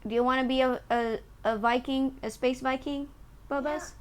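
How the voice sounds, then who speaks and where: Higher-voiced woman streaming a game. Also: steady tone, normal speed, clean tone. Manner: chatty, amused, explains lore to listeners. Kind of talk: gameplay commentary and reading game text aloud. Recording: faint background noise.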